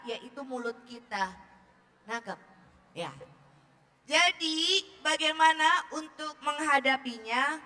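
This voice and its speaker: Bright-voiced woman teaching parents. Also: high-pitched. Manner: chatty, jokey, asks the audience questions. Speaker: early-childhood education speaker. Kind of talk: lively seminar talk to parents and teachers. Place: seminar hall with an audience.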